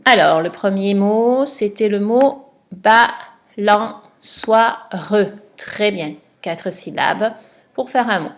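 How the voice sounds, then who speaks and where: A woman's voice: medium pitch, animated, slow pace. Woman, primary teacher, recorded home lesson, patient, stretches words for dictation.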